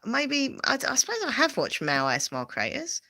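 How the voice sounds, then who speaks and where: A woman's voice: high-pitched, huge pitch swings, fast talker, sharp tone. A woman from Southend with an Essex accent, hosting a rambling, casual livestream chat full of fillers and repeats. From Southend, England. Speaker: livestream host.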